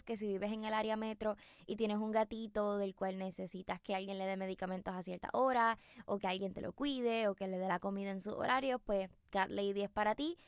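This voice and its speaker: A woman's voice: mid-range voice, dry recording. Chatty woman podcaster, dry sound. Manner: chatty, animated, with many fillers and asides to listeners. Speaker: podcast host. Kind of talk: casual storytelling monologue.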